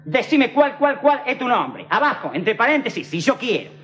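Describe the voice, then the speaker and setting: A man's voice: very high voice, big pitch swings, normal speed, a bit bright, exaggerated voice. A man with a Rioplatense accent playing a cocky streetwise hustler in a TV comedy sketch, rambling in heavy slang and checking again and again that he's understood. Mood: swaggering. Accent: Rioplatense Spanish. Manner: rambling, slangy, swaggering, keeps asking "all right?". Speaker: comic actor in a TV sketch. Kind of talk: TV comedy monologue in character. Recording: dull lo-fi 1990s TV tape with faint hiss.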